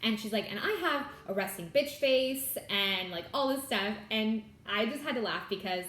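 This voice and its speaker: A young adult woman from California hosts a Flosstube stitching vlog, chatting casually to camera in a bubbly way full of fillers like "like" and "y'all." Her mid-range voice is fairly bright at normal speed, and the sound is reverberant.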